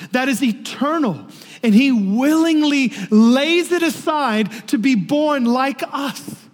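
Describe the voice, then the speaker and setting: A man preaching a sermon as pastor, slow and emphatic, falling to a hush on key phrases. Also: very high voice. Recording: reverberant hall.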